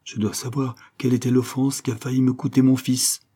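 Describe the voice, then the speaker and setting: An aging baron father, tender and grave, speaks in a hushed, emotional voice, as a male reader puts him on. The voice is pitched higher than the reader's own dark, husky tone. He sounds like a fatherly figure from an old storybook. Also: little pitch movement, a little fast, lightly acted.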